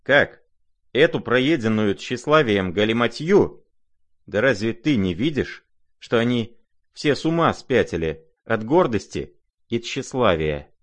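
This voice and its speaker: A man voicing an irate, imperious older noblewoman who scolds in shrill, impatient outbursts. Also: big pitch swings, measured pace. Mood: scolding.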